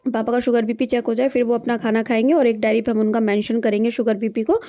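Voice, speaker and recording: A woman's voice: fairly high pitch, level tone, fast talker, dark tone. A young woman narrating her day in a chatty, diary-like home vlog. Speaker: vlogger.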